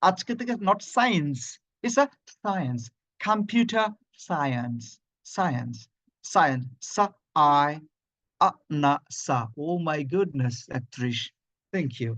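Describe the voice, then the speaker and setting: A man's voice: fairly high pitch, lively intonation, fairly bright tone, no room sound. A middle-aged man with a Bangladeshi accent, teaching pronunciation in an online lesson and drilling words sound by sound. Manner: repeats words slowly in drills, spells out sounds. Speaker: phonetics lecturer. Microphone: video call.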